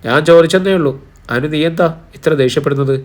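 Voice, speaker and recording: A man's voice: a little high, quick pace, lightly acted. Young student girl whining to her parents, man narrator doing her, audiobook. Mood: complaining. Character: impulsive young woman, a nursing student daughter.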